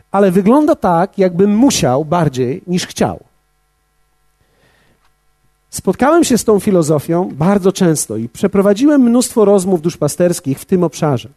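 A man preaching a sermon as pastor, measured and speaking directly to his congregation. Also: high voice, dark tone, dry recording.

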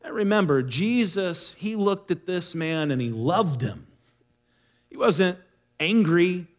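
A man's voice: high voice, lively intonation, slow. A man teaching a midweek Bible study in an earnest way, repeating phrases for emphasis.

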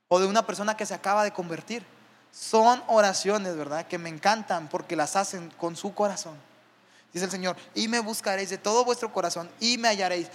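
High-voiced male preacher in a reverberant church. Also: fairly bright tone. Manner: preaching with rising emphasis and frequent rhetorical "¿verdad?". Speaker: pastor. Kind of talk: sermon.

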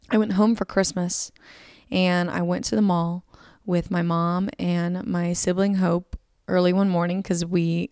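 A young woman speaks in a slightly low voice, opening up about her own struggles in a candid, emotional monologue. She halts and restarts often. The close mic leaves the sound dry, with no room behind her. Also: smooth, dry recording. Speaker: podcast host. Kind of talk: personal confessional monologue.

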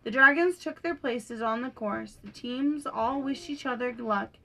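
A young woman reading a children's picture book aloud for her podcast, gentle and lightly animated, with small lifts in her voice for the characters. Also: fairly high pitch, normal speed, creaky, rough recording. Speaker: podcast storyteller.

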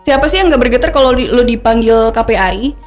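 Woman, 30s, podcast guest. Brightish pitch, animated, laughs often, mixes in English, faint music bed. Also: quick pace. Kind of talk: candid conversational storytelling.

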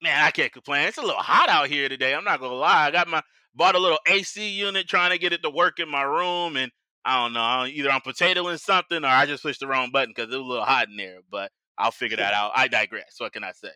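A man's voice: mid-range voice, fast, bright, forceful tone, no echo. An American man hosting a podcast in casual, slangy chat, with hype-man flourishes when he announces things. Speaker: podcast host.

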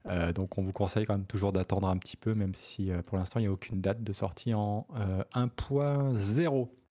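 Male host, lowish voice, casual gaming news, hesitant with fillers, jokey. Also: little pitch movement, fast, mellow. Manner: joking asides.

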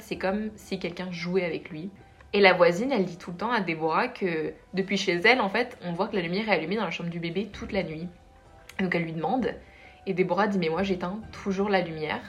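A young woman with a slightly low voice tells a haunted-house story to her friends. She talks casually and lively, slowing down for dramatic effect and laughing easily. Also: soft background music.

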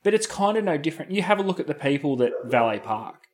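A man's voice: on the high side, sing-song, quick pace. Casual Australian man chatting. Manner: laid-back colloquial slang. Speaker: podcast co-host. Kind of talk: casual chat.

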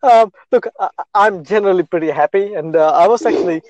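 A man's voice: high-pitched, a little fast, darkish tone, no room sound. A man from Australia chatting casually as a guest, agreeable, restarting and repeating his words, on a lo-fi recording. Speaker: accountant, podcast guest. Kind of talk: casual chat. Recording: dull lo-fi sound.

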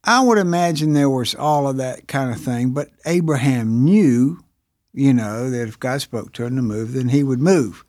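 A man co-hosting a casual faith podcast discussion, rambling and animated, acting out voices as he retells stories. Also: mid-range voice, moderate pace, no echo, studio quality. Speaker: podcast co-host.

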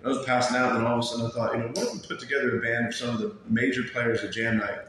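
Quick-talking man in an echoey small room. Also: mid-range voice, flat delivery, a bit bright, a little hiss or hum. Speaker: interview guest, bar and band member. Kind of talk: casual chat.

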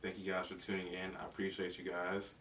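A young man from South Carolina talks alone on his podcast, easygoing and rambling, full of fillers and slang. His voice sits low and stays flat. He sounds a little far from the mic, with faint noise behind him. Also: brisk. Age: 20s. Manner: laid-back, rambling, lots of fillers and slang. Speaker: podcast host. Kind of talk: casual solo podcast talk.

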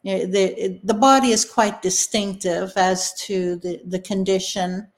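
A woman guest talks slowly and steadily, with very little rise and fall in her voice. She comes across as measured and matter-of-fact in a casual interview. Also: mid-range voice, fairly even intonation.

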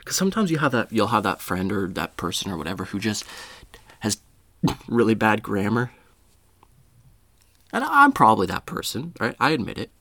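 A man's voice: lowish voice, wildly swooping pitch, moderate pace, vocal fry, long pauses, pushed and bright, no echo. Rambling, profane male podcast host. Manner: rambling, profane, self-deprecating storytelling. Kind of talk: casual comedic monologue.

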